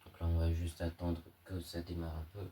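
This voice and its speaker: Stuffy with a cold, a young hobbyist electronics YouTuber talks casually through a project in a screen-recorded tutorial, hesitant, slangy, and full of fillers. His low voice is monotone at a moderate pace, and the recording is very noisy.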